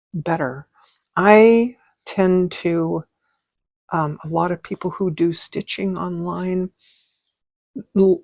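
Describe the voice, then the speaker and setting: A woman's voice: fairly low pitch, creaky, a little mellow, no room sound, dull audio. A woman teaching a casual craft tutorial, chatty and rambling as she thinks aloud. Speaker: stitching teacher.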